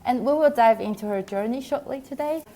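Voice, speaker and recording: A woman's voice: sits high, fairly quick, dark tone. A young woman in her twenties, a PhD student hosting a podcast, introducing a guest eagerly and asking questions. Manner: enthusiastic, eager.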